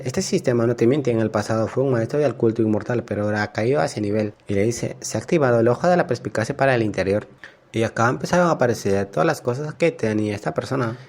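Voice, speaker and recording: A man narrating a manga story recap, reading each character's lines in the same even voice. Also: mid-range voice.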